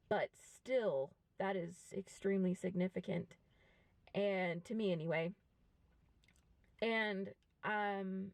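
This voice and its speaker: A woman in her twenties talking frankly and reflectively to a camera, with many pauses. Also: medium pitch, creaky, darkish tone, no room sound. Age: 20s. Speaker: vlogger. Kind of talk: candid personal monologue to camera. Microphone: camera mic.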